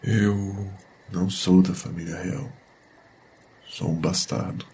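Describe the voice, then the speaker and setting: A man's voice: low-pitched, level tone, slow pace, darkish tone, a little hiss or hum. A man playing a grave, commanding young bastard prince bent on revenge in a fantasy audio drama, speaking solemnly. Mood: melancholic.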